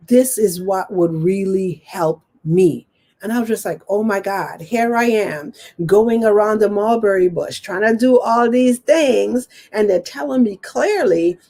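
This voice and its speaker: A woman's voice: mid-range voice, slightly rough. A woman coaching business owners on a live stream, chatty and encouraging, with lots of "okay" and "you know" as she answers viewer questions.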